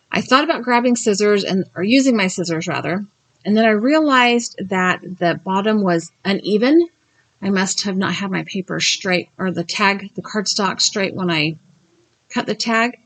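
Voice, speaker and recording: A woman talks through a craft project in a casual, chatty voice of medium pitch. She speaks with braces, so her articulation is a little slurred and careful. Her delivery is informal and gently self-deprecating. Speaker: craft tutorial host. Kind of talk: casual tutorial voice-over.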